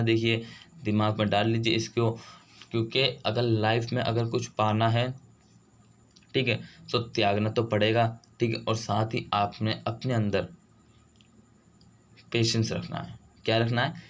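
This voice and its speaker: A man giving an online vocabulary lesson for exam prep. He switches between Hindi and English, reads the English words slowly, and keeps saying "theek hai" and "doston". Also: fairly low pitch, flat delivery, a little hiss or hum. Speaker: vocabulary teacher.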